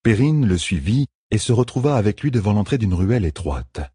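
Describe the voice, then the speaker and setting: Deep, very husky male narrator. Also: very animated, fairly quick, mellow, no room sound, studio quality. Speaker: audiobook narrator. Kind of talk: scripted fantasy narration.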